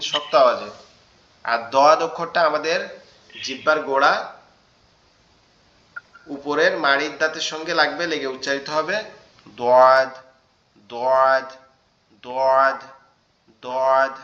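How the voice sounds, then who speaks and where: A man's voice: on the high side, bright, forceful tone, echoey room, lo-fi sound. A male teacher giving an online class, explaining where sounds are made and repeating each letter sound in drills, often checking "okay?". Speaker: Quran teacher.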